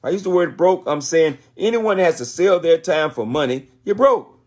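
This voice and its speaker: In a livestreamed motivational talk, a sixty-something American business speaker sounds a little high and animated at a moderate pace. He keeps it folksy and colloquial, leaning on repetition for emphasis.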